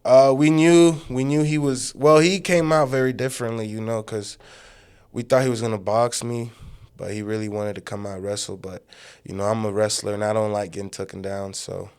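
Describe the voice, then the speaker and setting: A young Ugandan man in his twenties, an amateur fighter appearing as a guest, chats casually in an interview. His voice sits on the low side, level, smooth and somewhat dark, at a normal speed. He talks in an easygoing, loose way, with plenty of "you know" fillers.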